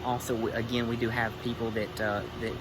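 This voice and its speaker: A man giving casual, halting, rambling vlog narration as the host, recorded inside a store. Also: mid-range voice, flat delivery. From United States. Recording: clearly noisy indoor store background hum.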